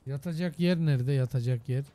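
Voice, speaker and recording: A man streams a game in a loud, joking, foul-mouthed way. His voice is mellow and dark, and a bit hoarse. He keeps up casual play-by-play commentary as he explores. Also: mid-range voice, fairly quick. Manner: loud, joking and heavily profane. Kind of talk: casual gaming livestream commentary.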